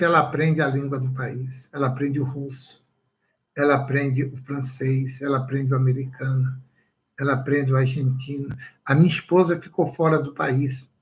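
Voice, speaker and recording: A man's voice: medium pitch, poor audio. A man, a pastor preaching a sermon on a livestream and asking his listeners questions.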